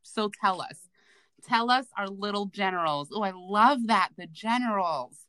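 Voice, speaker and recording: A woman hosting a casual podcast, talking in an animated, slangy, profane way, recorded remotely from a bathroom. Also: mid-range voice, measured pace, clean tone, dry recording, poor audio. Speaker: podcast host. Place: bathroom, at home.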